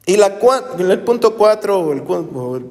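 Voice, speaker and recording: High-voiced preacher in an echoey hall. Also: male voice, big pitch swings, normal speed, a little mellow. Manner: conversational preaching with rhetorical questions. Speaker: pastor. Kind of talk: sermon.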